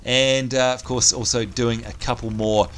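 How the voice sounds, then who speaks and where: Over game sounds and music, a let's play host keeps up chatty, upbeat commentary and thinks aloud, his voice strained almost to the point of being lost. He speaks at a normal speed with a medium pitch and a flat, slightly bright delivery. There is a little hiss or hum.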